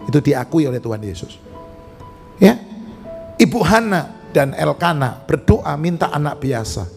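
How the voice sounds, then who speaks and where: A man's voice: on the high side, animated, measured pace, vocal fry, darkish tone, soft background music. A male pastor preaching a sermon, telling stories with jokes and asking the congregation questions. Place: church service.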